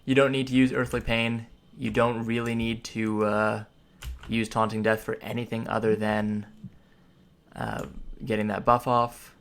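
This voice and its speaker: This gamer's character class guide is voiced over gameplay from indoors at a computer, with casual explanations that ramble through abilities and tips as he plays. His voice is lowish, smooth and fairly bright, with little pitch movement and a measured pace.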